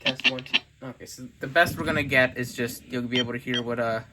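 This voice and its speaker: Talking fast at medium pitch with fairly even intonation, a man rambles hesitantly through a casual, unscripted product review at an indoor desk. It is a homemade video, and background noise is clearly present.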